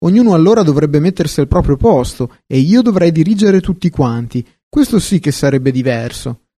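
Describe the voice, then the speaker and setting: A man's voice: mid-range voice, moderate pace, dark tone, no room sound, clean studio sound, close to an everyday voice. A man reading as a bossy shopping basket, irritated and wanting to give the orders. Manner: irritated and domineering. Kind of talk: storybook reading.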